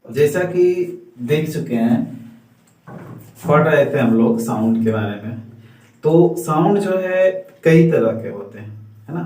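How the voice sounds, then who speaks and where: A man with a fairly high-pitched, dark-toned voice teaches a basic Hindi grammar lesson. He asks his class a question, answers it himself, and keeps checking that they follow. The recording sounds echoey, with his voice coming from a distance.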